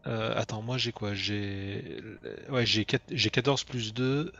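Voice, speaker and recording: A man's voice: on the low side, slow pace, a bit bright, highs cut off. A man playing a tabletop role-playing game, chatting casually and jokingly, often repeating himself.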